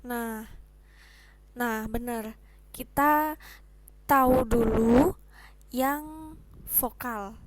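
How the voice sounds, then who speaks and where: A young woman teaching English pronunciation in a casual online lesson, explaining slowly and patiently with chatty asides. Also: on the high side, no echo.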